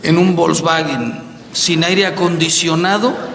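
Animated Mexican priest in an echoey hall. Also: male voice, on the high side, takes it slowly, vocal fry, a little hiss or hum. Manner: animated, playful storyteller, acts out quotes. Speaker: priest giving a conference. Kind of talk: lively talk on marriage with jokes. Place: large auditorium with audience. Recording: echoey hall with faint ambience.

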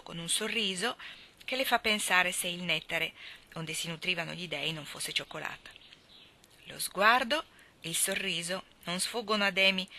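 Bright-voiced woman reading a classic novel. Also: on the low side. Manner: measured, expressive storytelling. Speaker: reader.

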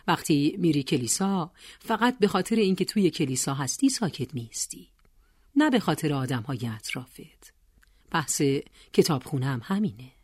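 A woman voicing a stern, calm librarian who speaks low and measured. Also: husky, dry recording, clean studio sound. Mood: lecturing.

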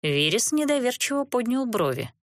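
A woman narrating a first-person fantasy audiobook in a measured, expressive storytelling manner. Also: a little high, dry recording, clean studio sound.

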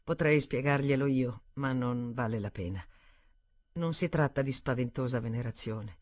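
A woman's voice: a bass voice, normal speed, darkish tone, dry recording, studio quality. A woman reading the part of a stubborn, earnest young man in an audiobook, speaking firmly with restrained anger. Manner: firm, blunt, restrained anger.

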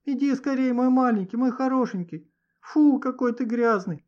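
A man's voice: very high-pitched, normal speed, a little mellow, lo-fi sound, pitched above the performer's own voice. A man voicing a timid, whiny schoolgirl who sobs and pleads, in a storybook reading. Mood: overjoyed. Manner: sobbing, pleading.

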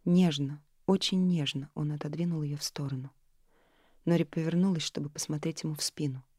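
Fields: woman, calm audiobook narrator, mellow and low. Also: a little fast, no room sound, clean studio sound. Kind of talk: scripted narration.

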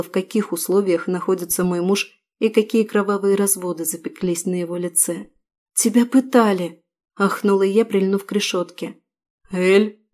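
Female audiobook narrator, first-person fantasy read, mid-pitched, expressive dialogue.

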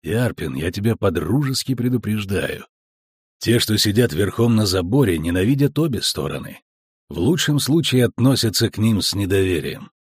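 A man doing a quiet, calm monster hunter. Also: fairly low pitch, moderate pace, breathy edge, no room sound, studio quality. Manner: quiet, level, restrained.

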